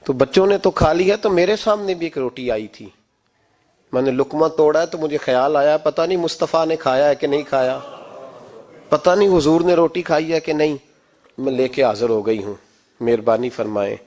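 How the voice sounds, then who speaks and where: A man voicing a humble, devoted daughter who speaks in a hushed, reverent way. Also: on the high side, close to an everyday voice.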